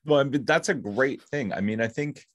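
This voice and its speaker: A man's voice: medium pitch, normal speed. A man hosting a podcast interview, asking questions and offering upbeat encouragement like a speaking coach. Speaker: podcast host. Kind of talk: casual interview.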